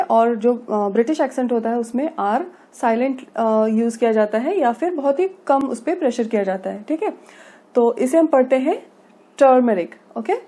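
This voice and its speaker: A woman with an Indian accent leads a classroom video lesson as an English trainer. She explains each point patiently and keeps checking in with the listener as she goes. Her voice sits a little high, with a dark, mellow tone. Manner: explains patiently, often adding "ठीक है" and "okay" as check-ins.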